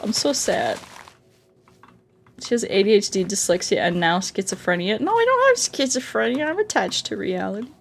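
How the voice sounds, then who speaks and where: Very animated and medium in pitch, a woman with vocal fry chats at a normal pace during a game livestream, reading comments to her viewers. She's playful and self-deprecating, with game music behind her and a faint hiss or hum on the recording.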